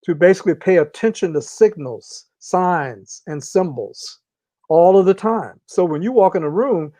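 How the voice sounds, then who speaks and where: A man speaking as an interview guest, explaining ideas in a measured, deliberate way with long pauses. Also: fairly high pitch, darkish tone, dry recording. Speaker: interview guest, organizational consultant. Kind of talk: reflective conversational explanation.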